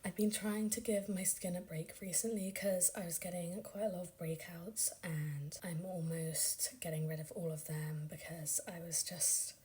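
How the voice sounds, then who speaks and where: A young woman narrating a casual beauty and lifestyle vlog, talking chattily and often dropping into a soft whisper. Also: fairly low pitch, steady tone, normal speed, few pauses. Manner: chatty, enthusiastic, many fillers like "like". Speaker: beauty vlogger.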